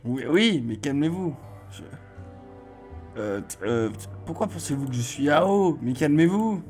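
A man playing a video game and commenting as he goes, reading dialogue aloud and joking, with sudden loud exclamations. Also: fairly high pitch, animated, unhurried, soft background music. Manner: chatty, jokey, exclaims loudly in surprise. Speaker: let's play host.

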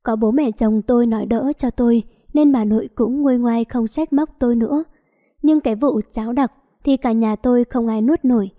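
A woman reading a story aloud in a lively first-person manner. Her voice sits a bit high, with a mellow, soft tone. The delivery is late-night storybook narration.

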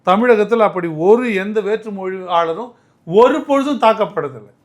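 A man's voice: sits high, expressive, normal speed. A man answering as a political commentator in an interview, arguing emphatically and often restarting his words.

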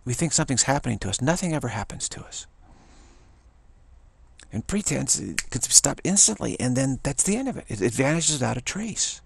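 An older spiritual teacher, recorded with an action camera, wanders through a monologue with pauses, repeated words and frequent chuckles. He has a sing-song, creaky, slightly rough mid-range voice, captured in a dry recording.

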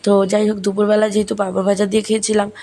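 A young woman speaks in a hoarse, sore-throated voice, narrating her family vlog in a casual, chatty way. She keeps her voice soft and talks straight to her viewers. Her pitch stays flat and even throughout. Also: very fast. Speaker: family vlogger. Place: home at night, voice-over while editing.

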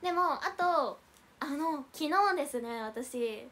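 A woman's voice: high voice, lively intonation, takes it slowly, fairly bright tone. A young woman hosting a casual idol livestream, chatting and reading out viewer comments with frequent giggles.

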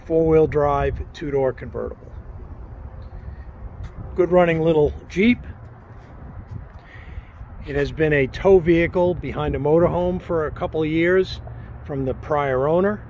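A man narrates a walkaround video of a vehicle for sale, speaking a little slowly with long pauses in a slightly high, somewhat mellow voice. His delivery is matter-of-fact, in short phrases that read like a list. He is off camera in an open parking lot, and the handheld camera or phone audio carries outdoor noise.

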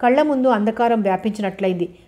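Female audiobook narrator: steady, measured novel reading, warm mellow voice. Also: mid-range voice.

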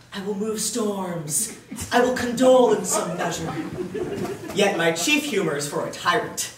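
Actor doing a bragging ham weaver, theatrical and loud, recorded far off in an echoey hall. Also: medium pitch, lightly acted. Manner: blustering, shouts and laughs, big theatrical swings. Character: boastful hammy male weaver amateur actor. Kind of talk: stage acting of verse comedy. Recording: echoey stage from far off, faint noise.

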